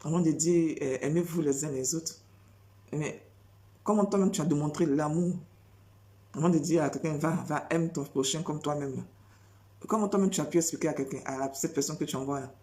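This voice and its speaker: Woman preacher, sermon delivery; low, mellow tone, insistent and repetitive, heavy on rhetorical questions. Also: a little fast. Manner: insistent, repeats phrases and fires rhetorical questions.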